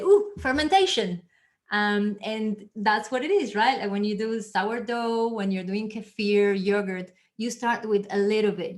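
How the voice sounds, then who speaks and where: Woman on a video call, trainer vibe, chatty, playful little asides. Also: mid-range voice. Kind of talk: casual explanation on a group call.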